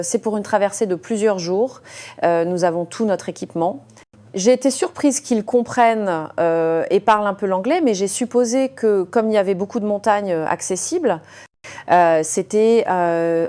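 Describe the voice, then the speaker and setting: A woman narrates a scripted first-person story in a calm, even way. Her voice sits in a middle pitch with a mellow, warm color. She often pauses with small hesitations between phrases.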